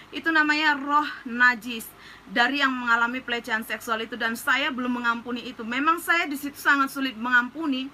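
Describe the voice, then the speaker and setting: A woman's voice: high voice, sharp tone, poor audio. A woman pastor giving a personal testimony in a chatty storytelling manner, full of fillers, turning to earnest urging of her listeners. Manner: earnest, urgent exhortation. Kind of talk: sermon testimony.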